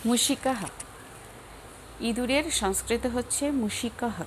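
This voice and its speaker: A young Bangladeshi woman teaching a lesson, speaking slowly and carefully and repeating each word for her students. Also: fairly high pitch, a little hiss or hum. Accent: Bangladeshi Bengali. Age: young adult. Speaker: Sanskrit teacher. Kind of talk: classroom lesson, slow repetition drills.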